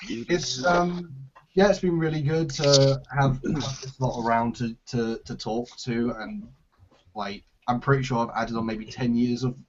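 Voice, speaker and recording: A man's voice: medium pitch, steady tone, measured pace, dull audio, a little hiss or hum. A man hosting a casual Q&A about his series, rambling with lots of restarts. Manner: rambling, hesitant, with frequent restarts and laughs. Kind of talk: casual group chat.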